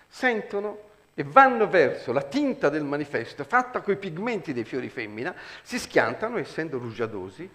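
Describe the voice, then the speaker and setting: Man, animated onstage storyteller, very lively pitch. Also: normal speed. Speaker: storyteller, performer. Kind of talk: lively anecdote telling on stage.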